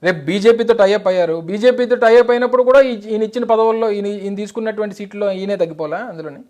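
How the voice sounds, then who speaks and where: A man's voice: sits high, a little mellow. A middle-aged man, a party spokesman, answering insistently in a heated political interview. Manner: emphatic, insistent, rapid Telugu-English mix.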